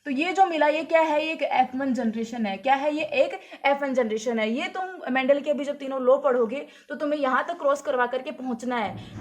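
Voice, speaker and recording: A woman's voice: high voice, slight background noise. A woman teacher explaining at a whiteboard, asking herself questions and answering them, and repeating key points. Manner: asks rhetorical questions then answers them. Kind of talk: whiteboard lesson.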